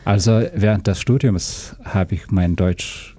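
A man with a Russian accent speaking German as a second language, telling his story casually and haltingly as an interview guest. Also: low-pitched, steady tone, mellow. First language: not a native German speaker. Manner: halting, searching for words.

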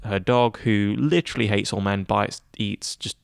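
A man's voice: lowish voice, fairly even intonation, moderate pace, creaky, smooth, no echo. A young man, a guest on a student podcast, talking casually and rambling with many fillers and restarts. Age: young adult. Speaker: guest, student head of news. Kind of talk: casual interview chat.

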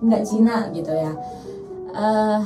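A woman's voice: mid-range voice, takes it slowly. Friendly young woman. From Indonesia. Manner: friendly, laughs often. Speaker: student guest. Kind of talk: casual podcast interview. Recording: distant mic with loud background music.

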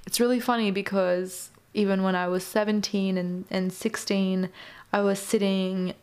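A woman's voice: mid-range voice, level tone, normal speed, darkish tone, clean tone. A young woman in her twenties hosting a motivational solo podcast, talking in a chatty, earnest way and often calling her listeners "you guys". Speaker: podcast host.

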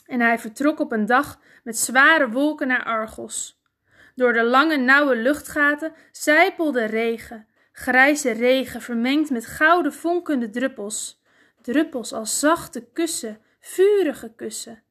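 A woman narrating a myth as a storybook reading, deliberate and expressive. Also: high voice.

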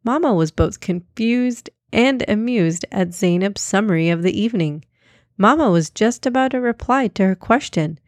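Woman, storybook narrator, steady, clear, mid pitch, dry sound. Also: normal speed, no room sound. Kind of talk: storybook reading.

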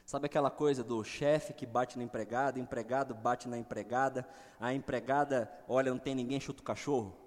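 A middle-aged pastor preaching a sermon, swinging between loud exclamations and quiet asides. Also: male voice, mid-range voice, fairly even intonation, fairly quick. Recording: long hall reverb.

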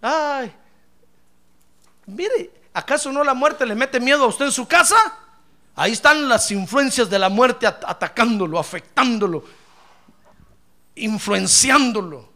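In an unhurried but animated sermon, a pastor with a high, bright voice swings widely between peaks and low asides. He calls the congregation brother, jokes with them, and acts out their complaints.

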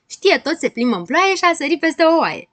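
A woman performs a clueless little boy who thinks he is a great poet. His voice jumps high and lively with cheeky pride. It sounds close and dry, like a storybook recording. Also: dry recording. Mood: boastful. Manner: cheeky, high and excited, raising the pitch.

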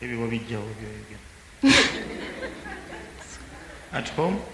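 A man preaching to a congregation, lively and teasing, pausing for his interpreter. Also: mid-range voice, gravelly. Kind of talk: sermon with live interpreter. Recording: echoey hall with faint background noise.

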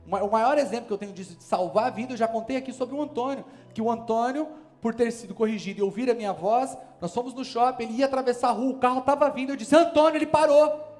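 Brazilian pastor, male, higher-pitched, forceful emphatic sermon delivery, soft music underneath. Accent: Brazilian Portuguese. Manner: emphatic, preaching with rising force and sudden calls. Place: church service.

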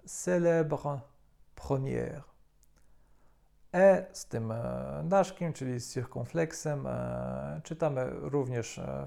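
A man calmly explaining French pronunciation as a language teacher, with frequent hesitation sounds. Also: medium pitch, creaky.

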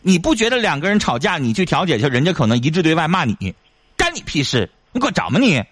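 A man's voice: fairly high pitch, very animated, fast talker, fairly bright tone, slightly rough, no echo. Blunt lecturing male radio advice host. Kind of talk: call-in advice counseling.

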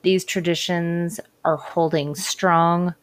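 A woman hosting a casual spiritual talk and tarot reading, speaking in a gently encouraging, hesitant, informal way. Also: on the low side, fairly even intonation, slow. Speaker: podcast host and tarot reader. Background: cards being shuffled at times.

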